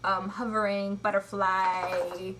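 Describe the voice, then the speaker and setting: A young woman co-hosting a fan podcast in casual chat, excitable and giggly, shrieking when something upsets her. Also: medium pitch, takes it slowly, a little hiss or hum. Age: young adult. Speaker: podcast co-host.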